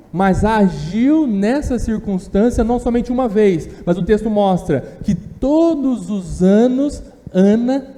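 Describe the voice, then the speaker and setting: A man's voice: high-pitched, mellow, big-room sound. A man with a Brazilian Portuguese accent teaching a Sunday Bible class, emphatic, repeating key phrases and asking the class rhetorical questions. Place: church hall.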